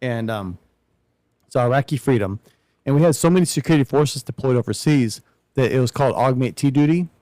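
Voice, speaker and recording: A man's voice: medium pitch, brisk, warm tone, no room sound. A man chatting casually with a dry, teasing sense of humor. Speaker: US Air Force veteran. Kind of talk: casual chat.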